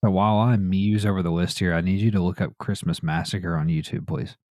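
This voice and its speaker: A man's voice: low-pitched, fairly even intonation, brisk, darkish tone, no room sound, studio quality. A man hosting a gaming news podcast, reading headlines and chatting casually in a laid-back way. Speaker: podcast host.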